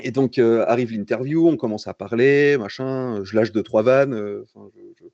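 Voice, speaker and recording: A man's voice: medium pitch, moderate pace, no echo, highs cut off. A young man from France, a concept artist guest on a livestream, telling his story casually with jokes, fillers and restarts. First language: French. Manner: relaxed, joking, many fillers and restarts.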